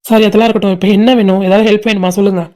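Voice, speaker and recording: A woman voicing a caring but bossy young college boy in a cartoon, pushing rapidly and teasing his friends. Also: mid-range voice, little pitch movement, warm tone, close to an everyday voice. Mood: frank. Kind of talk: cartoon voice acting.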